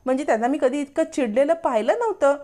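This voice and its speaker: A woman's voice: high voice, fast talker, mellow, pitched above the performer's own voice, lightly acted. A woman voicing a curious, chatty mother of the house who asks questions and soothes.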